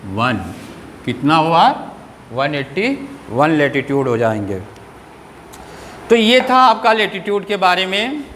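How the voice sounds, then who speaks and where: A man teaching a school class, asking questions and answering them himself in a lower voice, and reading English lines out slowly. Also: a bit bright, big-room sound, slight background noise. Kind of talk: classroom lecture.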